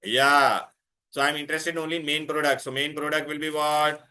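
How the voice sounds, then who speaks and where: Indian male classroom teacher, higher-pitched and forceful, repetitive questioning, some Hindi mixed in. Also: steady tone, normal speed. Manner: insistent, repeating himself and questioning students; mixes Hindi words into English. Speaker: chemistry teacher.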